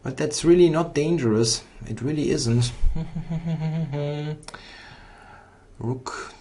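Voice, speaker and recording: A man with a mellow voice on the high side thinks aloud while playing a blitz chess game, giving live commentary on his own moves. He halts and mutters to himself as he works things out.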